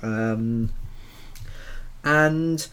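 A man's voice: medium pitch, drawn-out words, fairly bright tone, clean tone. Rambling, jokey podcast man. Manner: rambling, jokey, with many fillers. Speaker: podcast co-host. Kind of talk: casual podcast chat about a video game.

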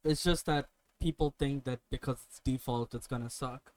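A man's voice: medium pitch, steady tone, moderate pace, darkish tone. A man hosting a podcast, chatting casually and telling stories with plenty of swearing. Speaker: podcast host. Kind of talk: casual chat.

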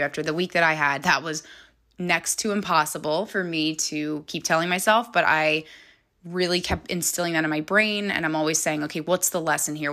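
A woman's voice: on the low side, pushed and bright. A woman hosting a podcast, telling a personal story in a candid, chatty way with frequent laughs and fillers. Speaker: podcast host.

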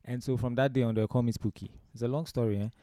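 Talking fast in a steady, dark-toned, mid-range voice, a Ghanaian-accented musician from Ghana, originally born in Romania, shares anecdotes discursively while being interviewed. The studio recording has no echo.

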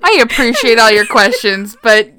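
This podcast host, a young adult woman, talks at normal speed in a slightly high voice with lively intonation, though the recording is very noisy. Using a podcast mic, she keeps the chat casual, laughing often, cursing freely and teasing bluntly.

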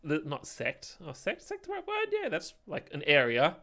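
A podcast co-host chats casually, filling his talk with fillers and often ending lines with "right?". His voice is a little high and sharp, with huge pitch swings at a normal speed.

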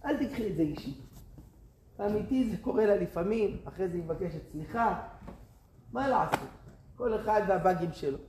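A man's voice: high voice, lively intonation, long pauses. A man voicing a friendly male office worker giving a casual warning, in a roomy space. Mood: reassuring. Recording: roomy with faint noise.

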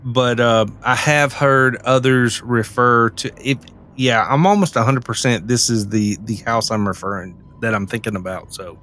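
A man's voice: medium pitch, normal speed, a bit bright, slight background noise. Hesitant Southern man on a podcast. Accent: Southern American. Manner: hesitant, thinks aloud with fillers. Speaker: podcast co-host. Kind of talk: casual chat.

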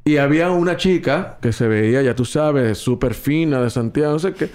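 A man's voice: medium pitch, normal speed, darkish tone. A man with a Dominican Caribbean Spanish accent, co-hosting in a colloquial, reflective, conversational way. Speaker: podcast co-host. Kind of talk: casual chat and anecdote.

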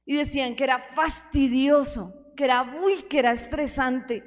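A woman's voice: sits high, fairly even intonation, normal speed. A woman preaching an earnest sermon, asking the congregation questions. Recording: hall reverb.

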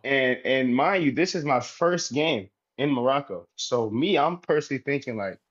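A man, a professional basketball player, talking casually as an interview guest, relaxed and rambling with many fillers. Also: medium pitch, moderate pace, highs cut off. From United States.

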